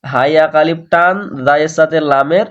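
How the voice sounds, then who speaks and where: A man teaching Quran recitation, slowly reciting verses and explaining pronunciation rules. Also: fairly high pitch, dull audio. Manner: slow melodic Arabic recitation between explanations. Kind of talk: slow tajweed lesson, reciting verses then explaining.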